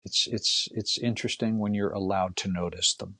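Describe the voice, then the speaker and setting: An older man with a gravelly, husky voice tells personal stories as a guest in a casual conversation, pausing reflectively between short phrases. His pitch is fairly low and steady, the tone pushed and bright, and the studio-quality recording has no echo.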